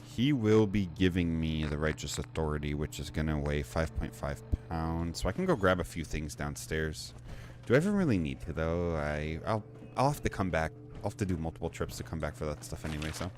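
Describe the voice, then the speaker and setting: A man's voice: very deep voice, expressive, a little fast, darkish tone, faint music behind. A man giving casual, chatty gameplay commentary, rambling and correcting himself as he plays. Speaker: gaming video creator.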